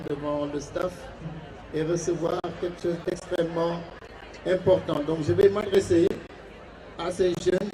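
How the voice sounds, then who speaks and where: Man, ceremony speaker through outdoor PA, fairly high voice, unhurried and hesitant. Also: distant mic, low-quality recording. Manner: hesitant, many filler pauses. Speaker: guest speaker at a graduation ceremony. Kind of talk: formal ceremony speech. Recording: outdoor PA heard from afar, crowd behind.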